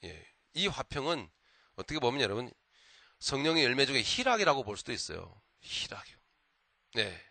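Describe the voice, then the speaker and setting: A man's voice: mid-range voice, moderate pace, creaky, dry recording. A male pastor preaching a sermon in a church, telling stories and often prompting the congregation. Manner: animated storytelling, frequent prompts to the congregation.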